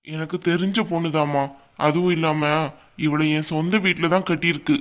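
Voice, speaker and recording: A woman's voice: low-pitched, steady tone, fairly quick, natural voice. A woman voicing a stern older father-in-law. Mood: firm. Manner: firm, fatherly, scolding. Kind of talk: cartoon voice acting.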